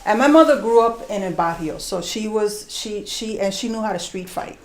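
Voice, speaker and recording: A middle-aged woman tells a personal story to a live audience, drawing out words for emphasis and slipping into voices as she goes. Her voice carries a roomy echo from the venue. A faint ambient hum sits under it. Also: mid-range voice. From New York, USA. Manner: animated, conversational, acts out voices and slows for emphasis.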